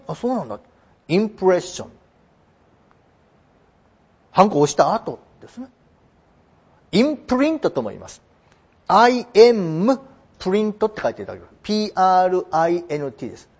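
A man explaining English vocabulary in a chatty lesson, slowing down to spell out words. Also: high-pitched, a little mellow. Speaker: English teacher. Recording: dull lo-fi recording.

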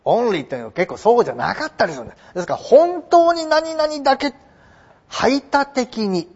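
A man explaining English vocabulary in a chatty lesson, slowing down to spell out words. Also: sits high, gravelly, darkish tone. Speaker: English teacher. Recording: dull lo-fi recording.

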